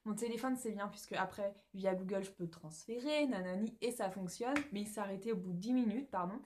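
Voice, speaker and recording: A woman's voice: mid-range voice, fairly quick, darkish tone, slight background noise. A young French woman chatting casually to her camera about knitting, rambling with lots of fillers and restarts, recorded at home on a phone or camera. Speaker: knitting vlogger.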